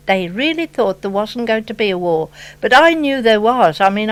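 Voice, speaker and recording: An older woman from the Birmingham area, recalling the past in an oral history interview in a chatty storytelling way. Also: medium pitch. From England, Birmingham area. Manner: chatty, warm storytelling with re-enacted dialogue.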